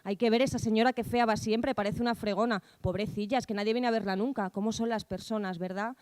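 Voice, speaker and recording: A woman reading a theatre script with lively, bossy, gossipy family chatter. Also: a little high, fast talker, no room sound, lightly acted. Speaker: actor reading stage directions and roles.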